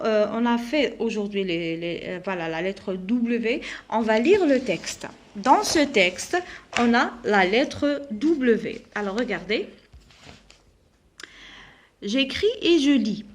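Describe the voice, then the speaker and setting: A young woman teacher with an Algerian accent, patiently explaining a French lesson to young pupils and mixing in Arabic. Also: a little high. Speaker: primary school teacher.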